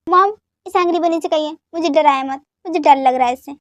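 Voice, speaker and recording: A woman's voice: sits high, a little fast, no echo, clean studio sound, natural voice. A woman voicing a young man in a fan dub drama; he plays innocent and complains in a whiny way.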